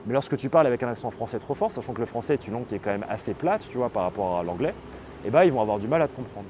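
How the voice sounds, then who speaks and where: A man hosting a live stream, explaining things casually and pausing often on fillers as he reads and answers chat. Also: medium pitch, animated, warm tone, a little hiss or hum. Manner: explanatory, hesitant, with many fillers. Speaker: livestream host.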